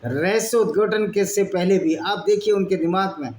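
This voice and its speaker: Guy with a high voice reading texts and arguing, roomy echo, bit of hiss. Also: moderate pace, a little mellow. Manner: argumentative, mixes reading with blunt asides. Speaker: channel host. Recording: echoey room with faint background noise.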